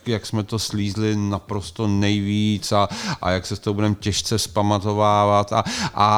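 Low flat-voiced man, halting talk. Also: clean tone. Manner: hesitant, many fillers and restarts. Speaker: festival organizer and booker. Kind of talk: casual interview answers.

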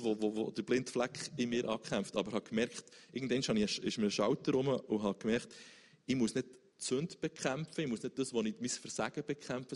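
A man's voice: mid-range voice, a little mellow, long reverb tail. A man, speaking earnestly about his faith as an interview guest, searching for words with frequent restarts.

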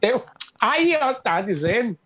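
A man's voice: very high-pitched, very animated, highs cut off, over a noisy crowd, heavily acted. A man playing a boastful, stubborn older bricklayer, blustering and cursing on a radio show. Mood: grumbling, boastful. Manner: blustery, quick to grumble and curse. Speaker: comic character on a radio show.

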